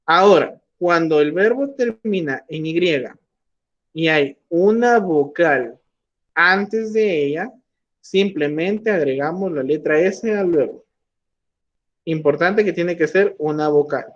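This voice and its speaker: A man with a slightly high voice explains grammar rules at a very unhurried pace. He repeats each point patiently and models words one by one. The recording sounds muffled and lo-fi. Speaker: English teacher. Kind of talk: slow classroom explanation. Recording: dull lo-fi recording.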